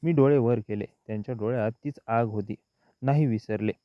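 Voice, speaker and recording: A man narrating a story in the first person, in a slow and even scripted reading. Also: mid-range voice, clear, resonant tone, dry recording. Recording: dull, lo-fi dry recording.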